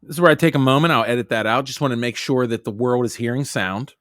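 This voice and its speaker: A man in his thirties hosts a casual comedy podcast, talking loosely and cracking jokes. His voice is bright and forceful, recorded close and dry. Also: medium pitch, quick pace, no echo. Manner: loose and jokey, says "dude" a lot. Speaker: podcast host.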